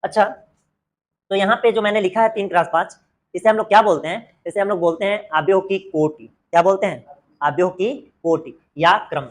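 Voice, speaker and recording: A man's voice: high voice, normal speed. Man teaching math, quizzing himself. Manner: asks questions and answers them himself, repeating key words. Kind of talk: exam-prep math lesson.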